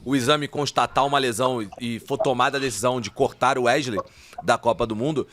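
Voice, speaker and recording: A man commentating on a sports debate panel, measured and analytical. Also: mid-range voice, steady tone, a bit bright.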